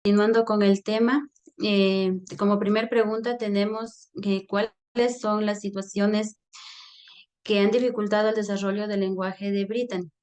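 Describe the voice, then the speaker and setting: A woman student giving a class presentation, speaking hesitantly with many fillers and pauses. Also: mid-range voice, little pitch movement, a little mellow.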